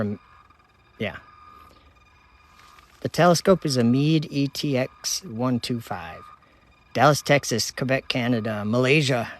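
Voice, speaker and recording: A livestream host from Minnesota in the United States chats easily at night outdoors next to his telescope, his voice pitched in an ordinary middle range. Relaxed, he reads viewer comments aloud one after another, rattling off their locations in a chatty running list.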